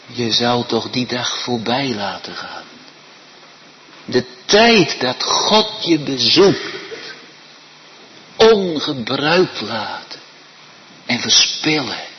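A man preaching a sermon, swinging from loud, high appeals to hushed, almost whispered pleading. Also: sing-song, very slow, long pauses, highs cut off, slight background noise. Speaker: pastor.

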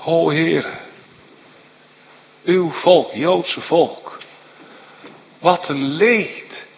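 Male pastor, fairly high voice, emphatic sermon delivery in a reverberant hall. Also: extremely slow, vocal fry, lo-fi sound, a little hiss or hum. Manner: earnest, emphatic preaching.

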